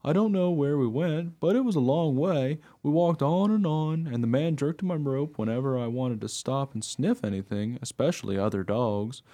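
Speaking at normal speed with few pauses, a man uses a mid-range voice close to his everyday one to play a chatty dog in a scripted radio play. The dog earnestly and excitably shares his life story, naive yet wry and reflective.

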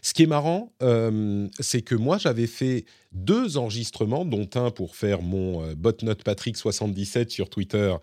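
A man's voice: fairly low pitch, animated, normal speed, few pauses, a little mellow, dry recording, clean studio sound. A man hosting a casual tech podcast, chatty and explaining demos to listeners. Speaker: podcast host.

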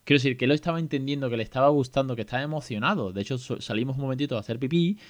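A man's voice: mid-range voice, rapid-fire. A man, hosting a podcast in a chatty, colloquial, self-mocking way. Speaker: podcast host and parent. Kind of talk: casual podcast monologue.

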